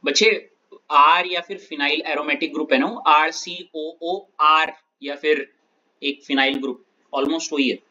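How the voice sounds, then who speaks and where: एक आदमी, जो रसायन विज्ञान का शिक्षक है, ऑनलाइन क्लास में कदम दर कदम समझाता है और बार-बार छात्रों से पूछता है कि समझ आया या नहीं।. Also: male voice, on the high side, level tone, a little slow, sharp tone, muffled recording. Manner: explains step by step, checks students often. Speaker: chemistry teacher. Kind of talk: online class lecture.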